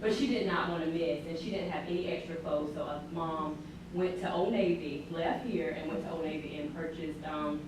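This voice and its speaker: A woman tells a story at a volunteer training in a chatty, heartfelt way. Her voice sits low. It is heard from afar in a very echoey room with noise behind. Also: normal speed. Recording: echoey room, mic far off.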